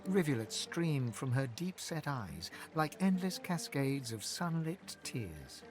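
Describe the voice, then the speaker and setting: A man playing a solemn fantasy game narrator, reading scripted narration in a poetic, measured storytelling manner. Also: medium pitch, sing-song, over music.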